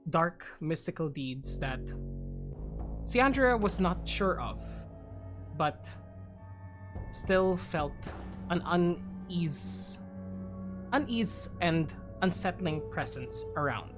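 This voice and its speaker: Woman gm with a low, lively voice recapping the story, faint music underneath. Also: extremely slow, pauses often. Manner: animated, reading from notes. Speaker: game master. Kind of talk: narrating a tabletop game recap.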